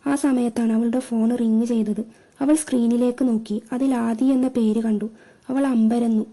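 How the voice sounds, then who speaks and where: A woman reading a scripted story narration at a steady, measured pace. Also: a little high.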